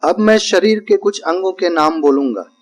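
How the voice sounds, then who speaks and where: A man with a high-pitched voice leads a yoga nidra session as its teacher, giving guided relaxation instructions. He speaks calmly and deliberately, using short, repeated phrases broken up by pauses.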